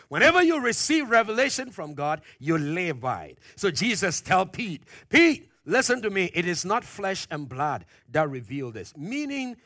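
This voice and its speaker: In a studio-quality recording free of room sound, a man preaches as a pastor, challenging the congregation with questions to make his points. He gets loud at the peaks, then sinks low and quiet as each phrase ends.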